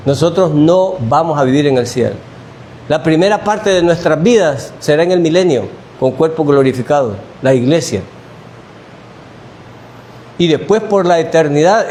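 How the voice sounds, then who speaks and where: Male preacher, high-pitched, quizzes his flock and repeats himself, light background noise. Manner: animated, asks the congregation questions and repeats phrases. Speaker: pastor. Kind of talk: sermon. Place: church.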